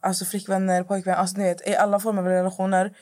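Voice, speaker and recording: A woman's voice: medium pitch, completely flat delivery, a little mellow. Woman, podcast guest, rambling, restarts sentences, mid-range voice. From Middle East. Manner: rambling, restarts and searches for words. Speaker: guest influencer. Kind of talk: casual podcast chat.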